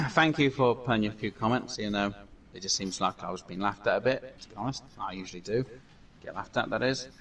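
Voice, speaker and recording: A man's voice: lowish voice, fairly quick, fairly bright tone, distant mic, a little hiss or hum. A man hosting a casual gameplay commentary, talking in a rambling way with many fillers and restarts. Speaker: gaming channel host.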